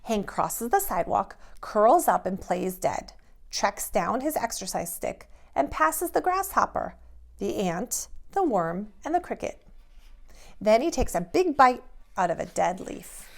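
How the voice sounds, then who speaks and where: A very animated woman with vocal fry and a mid-range voice speaks a little slowly to young children. As a preschool teacher, she uses plain, guiding language, much like during an expressive story reading or drawing lesson.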